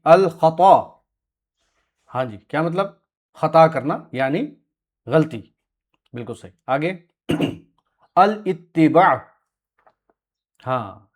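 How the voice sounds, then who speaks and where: Guy teaching a class, patient, keeps saying yes right, slightly high voice. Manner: patient, corrects and confirms students; clears throat often, soft short confirmations. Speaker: Quran Arabic teacher. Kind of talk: classroom lesson with students.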